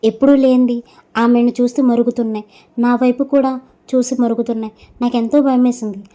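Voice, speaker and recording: A woman narrating a first-person horror story in an even, measured reading. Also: a little high.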